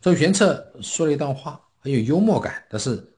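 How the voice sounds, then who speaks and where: A man's voice: a little high, fairly quick. A man giving a Buddhist dharma talk, explaining scripture and telling stories, often acting out the people he quotes. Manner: storytelling, acting out quoted speakers with lively swings. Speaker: Buddhist teacher.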